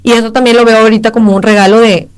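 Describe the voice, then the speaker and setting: A young woman with a Mexican accent, a podcast guest giving an emotional personal testimony in halting speech, acting out the exchanges she recalls. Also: fairly high pitch, flat delivery, smooth. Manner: emotional, halting retelling that acts out quoted exchanges.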